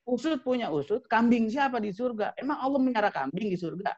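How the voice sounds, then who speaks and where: A man's voice: extremely high pitch, expressive, a little fast, darkish tone, a little hiss or hum. A man preaching a light-hearted religious talk, joking with his audience between points. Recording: dry, slightly dull sound.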